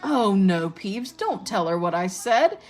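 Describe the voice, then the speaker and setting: A woman reading aloud and voicing an anxious, bookish schoolgirl who speaks in a flustered, overly bright way. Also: mid-range voice, very animated, a little slow, a little hiss or hum.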